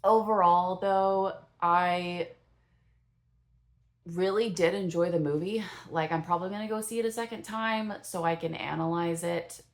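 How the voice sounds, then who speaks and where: A young woman talks through her first impressions of a film in a loose, rambling vlog style, filling gaps with "um" and "like" and correcting herself as she goes. Her voice sits a little low for a woman. She speaks slowly and without hurry. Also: fairly even intonation. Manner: chatty and rambling, with many fillers and self-corrections. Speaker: movie reviewer.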